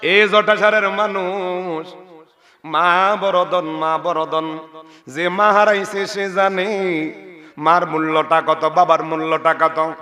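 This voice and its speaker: A male preacher, delivering an Islamic sermon and urging the crowd to answer loudly. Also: high voice, steady tone, slow pace. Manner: exhorting the crowd to respond loudly. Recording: long reverb of a large venue.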